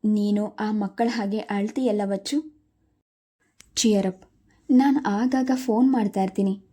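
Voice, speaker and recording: Storybook father, as a woman narrator puts him on, soothing, fond, mellow. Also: mid-range voice, steady tone, slow. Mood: coaxing. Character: affectionate middle-aged father, gently coaxing.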